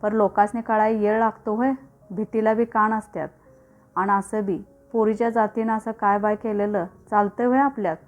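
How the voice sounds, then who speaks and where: A woman's voice: mid-range voice, fairly even intonation, moderate pace, faint music behind, lightly acted. A woman voicing an anxious village mother who keeps a secret, speaking in rural dialect. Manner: rural Marathi dialect speech.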